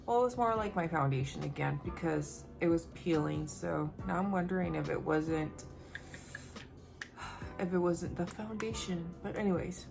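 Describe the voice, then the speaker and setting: A woman's voice: fairly low pitch, gravelly. A woman beauty vlogger chatting upbeat to her viewers at home as she reviews makeup. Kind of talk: casual makeup review to camera.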